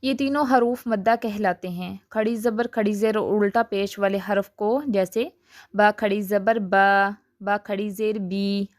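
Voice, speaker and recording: A woman's voice: mid-range voice, darkish tone, dry recording, clean studio sound. Patient woman teaching recitation rules. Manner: patient, explanatory, drawn-out example syllables. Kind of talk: recorded tajweed lesson.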